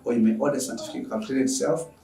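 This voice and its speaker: Earnest Tanzanian math teacher, echoey room. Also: male voice, mid-range voice, steady tone, very fast, dark tone, soft background music. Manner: earnest, asks for donations. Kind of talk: online lesson sign-off. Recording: echoey room, noisy from far off.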